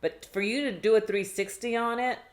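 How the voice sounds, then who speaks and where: A woman's voice: a little high, fairly even intonation, fairly quick. A middle-aged woman, a guest and the host's mother, talking in casual chat in a supportive, reflective way. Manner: supportive, reflective, with a lot of agreeing.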